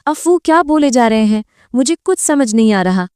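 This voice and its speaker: A woman's voice: medium pitch, animated, dark tone, no room sound, studio quality, natural voice. A woman voicing a naive young heroine in a romance audiobook who pouts and complains like a child. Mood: pouting.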